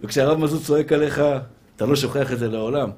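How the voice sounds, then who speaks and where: A man's voice: mid-range voice, darkish tone. A man preaching an impassioned sermon, calling his listeners brother and pure soul.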